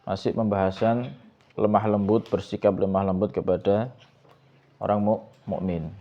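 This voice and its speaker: Male ustaz, deep voice, dull lo-fi sound, teaching with constant questions to his class. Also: steady tone, moderate pace, a little hiss or hum. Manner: asks students questions over and over, mixes in Javanese words. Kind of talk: Islamic pesantren lesson, reading Arabic text and explaining.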